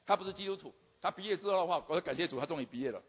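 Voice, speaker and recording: A man's voice: sits high, animated, racing, slight background noise. An older man, a university teacher, tells a humorous testimony about his students, stammering and repeating himself with frequent "OK" fillers. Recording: long hall reverb.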